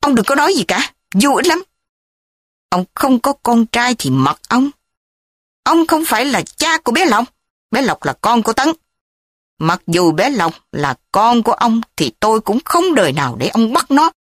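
A woman voicing a furious, defiant young mother who speaks in a sharp, raised, indignant way in an audiobook drama. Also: mid-range voice, big pitch swings, brisk, long pauses, slightly rough, no room sound, clean studio sound. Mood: angry.

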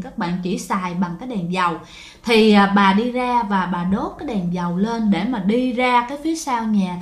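A woman's voice: medium pitch, roomy sound. A woman telling a ghost story in a casual, chatty way, addressing listeners directly.

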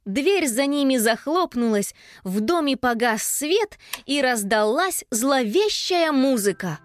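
A woman narrating a children's storybook aloud in an expressive, lively storytelling manner. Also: high voice, takes it slowly, slight background noise. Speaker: audiobook narrator.

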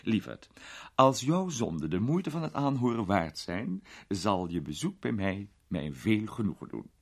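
A man voicing a sharp-tongued old duchess and grandmother, gossipy and doting, in a storybook reading. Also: fairly low pitch, sing-song, unhurried, gravelly, heavily acted.

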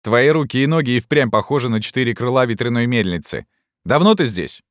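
A man's voice: mid-range voice, animated, fairly quick, no room sound, studio quality, voice pushed up, close to an everyday voice. A man voicing a boisterous young student who teases his friend. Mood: teasing. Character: young male student, loud, teasing.

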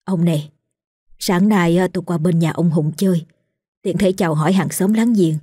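A woman voicing a worried middle-aged mother who gossips in a hushed tone about ghosts and fusses over her daughter. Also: lowish voice, moderate pace, husky, no echo, clean studio sound. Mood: confiding. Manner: hushed and confiding, then urgent.

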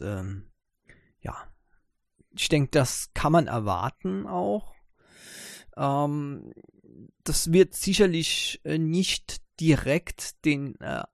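Male podcast host, mid pitch, gravelly, hesitant delivery full of fillers. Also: darkish tone, no room sound, clean studio sound. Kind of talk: casual tech news podcast.

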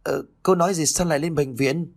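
A woman's voice: deep voice, fairly quick, gravelly, a little mellow, breathy edge, voice pushed up, exaggerated voice. A man reading a story aloud and voicing a poor widowed farm mother who cries out in a wailing, sobbing way. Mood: startled.

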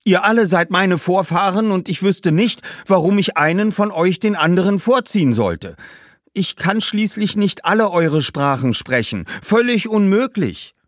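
A young man calmly reasons with the crowd of ghosts, patient and lively in a lifted voice, as a male narrator plays him. The sound is dry and close to the mic. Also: on the high side, normal speed, dry recording, pitched above the performer's own voice. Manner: patient, explaining, raised voice. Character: young Augustinus, calm and reasonable.

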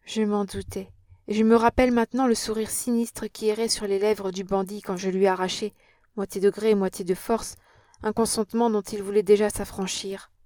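A woman's voice: medium pitch, little pitch movement, moderate pace, warm tone, no echo, clean studio sound, natural voice. A woman reading an audiobook and voicing an impassioned young Parisian woman with an earnest, dramatic manner.

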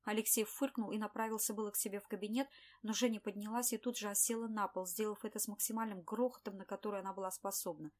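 A woman narrating an audiobook in a steady, lightly ironic storytelling manner. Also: mid-range voice, quick pace.

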